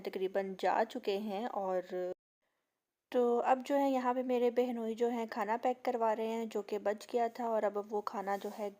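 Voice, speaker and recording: Soft-spoken young woman vlogger, sore throat. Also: fairly high pitch. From Pakistan. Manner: chatty, leans on the filler "jo hai". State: sore throat and fever, talking slowly. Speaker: family vlogger. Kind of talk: casual vlog narration.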